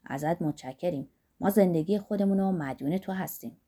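A woman's voice: on the low side, dark tone, voice pushed down. A woman reading the lines of an earnest, polite man who owns a mine.

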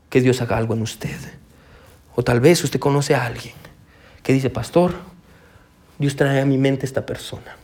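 A man's voice: medium pitch, husky. A pastor preaching a sermon, telling a story with animation and calling his listeners brother. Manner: animated storytelling, acts out quoted voices.

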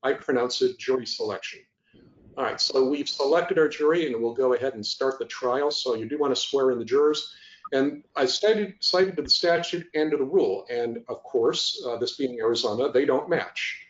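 A man's voice: medium pitch, normal speed. A man presenting a judicial training session over a video call, conversational with dry humor and frequent restarts. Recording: echoey, muffled lo-fi audio.

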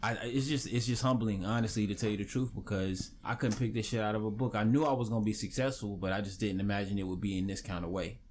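A man from Savannah, Georgia, speaks in a fairly low voice. He tells his story in a relaxed, candid way, leaning on "you know" as he goes. There is a faint hum of noise behind him. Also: fast, few pauses. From Savannah, Georgia, USA. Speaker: guest singer-songwriter. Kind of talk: casual podcast interview.

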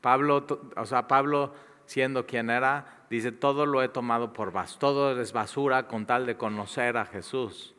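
A man preaching a sermon and leading a closing prayer, repeating words for emphasis and dropping from loud to hushed. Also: mid-range voice, fairly even intonation, a little slow, few pauses, clear, resonant tone. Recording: long reverb of a large hall.

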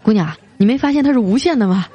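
Woman host, casual and teasing, mellow tone over faint music. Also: fairly high pitch, expressive, racing, lo-fi sound. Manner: playful, teasing, reads jokes with light voiced quotes. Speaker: podcast host reading listener comments. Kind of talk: casual chat. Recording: soft music behind.

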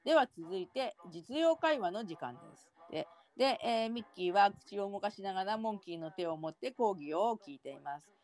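Lively woman recapping a TV episode. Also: mid-range voice, fairly quick, hardly any pauses. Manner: narrates scenes and acts out the lines in quotes. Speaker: podcast co-host. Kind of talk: casual chat recapping a TV episode.

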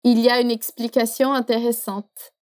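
High-voiced woman teaching French. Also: little pitch movement, darkish tone. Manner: chatty, encouraging, slows down to model pronunciation. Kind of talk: podcast language lesson.

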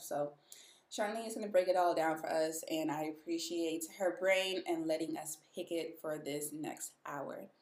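A woman's voice: medium pitch, vocal fry, darkish tone. A woman hosting a podcast, chatty and emphatic, speaking casually and directly to her listeners in an echoing room. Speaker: podcast host. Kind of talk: casual podcast episode introduction. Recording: echoey, reverberant room.

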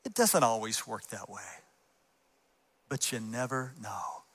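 An earnest man delivers a sermon in a church, moving from story into prayer. His voice has a bright, forward edge, and he drops to a hushed voice as he prays. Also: mid-range voice, sing-song, unhurried. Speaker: missions leader preaching. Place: church sanctuary.

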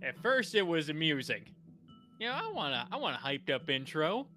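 A man's voice: on the high side, very animated, normal speed, bright, forceful tone, faint music behind. A man co-hosting a podcast in casual chat, joking, laughing often and breaking into bits of show tunes. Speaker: podcast co-host.

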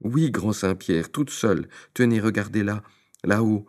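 A crafty young scamp putting on a show of grief, as a male narrator voices him. His pleading is melodramatic and insincere, and it comes out high and loud. The pitch sits far above the reader's own deep voice. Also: a little slow. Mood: fake distress. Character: sly young male rascal, fake-wailing and theatrical.

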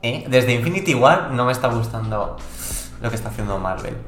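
A man's voice: mid-range voice, lively intonation, brisk, a bit bright. Rambling man with a Spanish accent, echoey room. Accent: Spain Spanish. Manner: exclamatory, rambling, often restarts his phrases. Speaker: podcast co-host. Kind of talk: casual chat.

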